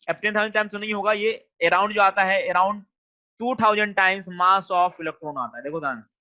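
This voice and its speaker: A man teaches an online class in a high voice, repeating questions until the students answer. His voice is bright and ringing. The sound is dull and lo-fi. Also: normal speed.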